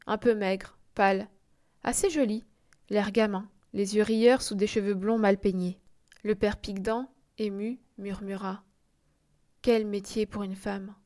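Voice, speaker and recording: A woman narrates a classic short story as an audiobook reader. Her delivery is measured and expressive, unhurried and clear. Her voice sits at an ordinary middle pitch.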